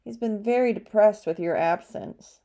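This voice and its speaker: A woman doing a slow, taunting male thug. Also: medium pitch, warm tone, close to an everyday voice. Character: gloating male thug in a suit.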